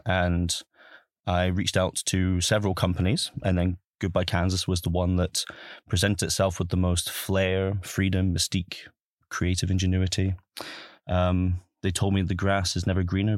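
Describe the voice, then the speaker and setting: A man in his thirties with a Highland Scottish accent, telling his story as an interview guest in a wry, playful, colourful way. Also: dry recording, clean studio sound. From Highlands of Scotland. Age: 30s. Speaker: producer at an animation studio, guest.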